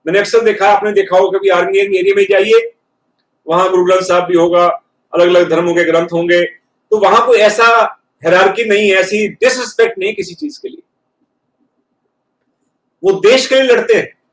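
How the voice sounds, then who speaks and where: A man, a professor, giving an earnest motivational talk in a lecture hall and slowing down to stress key words. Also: high-pitched, steady tone. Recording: echoey hall, speaker far from mic.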